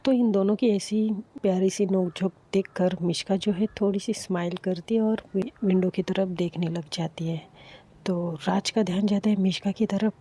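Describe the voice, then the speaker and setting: A woman's voice: medium pitch, steady tone, moderate pace, warm tone, husky. Woman telling a chatty love story. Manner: chatty, asides to listeners, sometimes whispered. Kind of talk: storytelling narration with voiced dialogue.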